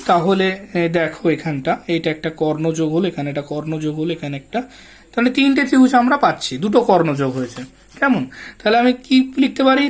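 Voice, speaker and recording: Female teacher, West Bengal Bengali accent, fairly high voice, patient and step by step, keeps checking in with the class. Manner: explains patiently, checks with rhetorical questions; mixes in English terms. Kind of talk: step-by-step math lesson.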